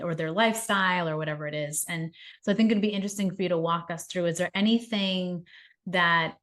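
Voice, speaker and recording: Excited podcast host lady, a bit low voice, asking questions. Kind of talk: interviewing.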